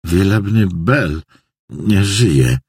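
A man's voice: mid-range voice, animated, normal speed, darkish tone, no room sound, clean studio sound, pitched above the performer's own voice, natural voice. A man voicing a frightened church janitor who talks in a raised, earnest, insistent voice.

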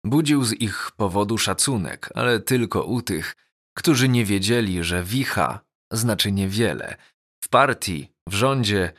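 A man narrating a novel as an audiobook, measured and even. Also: on the low side. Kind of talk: scripted narration.

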